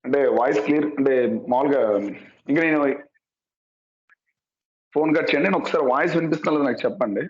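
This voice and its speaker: A man rattles along at high speed on a phone video call, his voice slightly raised in pitch. He keeps asking whether he can be heard while he adjusts his camera. The sound is echoey and dull, like lo-fi call audio. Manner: quick, asks repeatedly whether he can be heard. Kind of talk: casual call about camera and mic setup.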